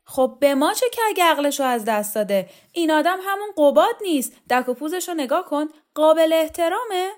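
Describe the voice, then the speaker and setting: A woman reader voicing a coarse, domineering woman revolutionary leader who talks loudly and with contempt in an audiobook. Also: mid-range voice, expressive, close to an everyday voice. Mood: scornful. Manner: loud, insulting, contemptuous. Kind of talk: audiobook character voice.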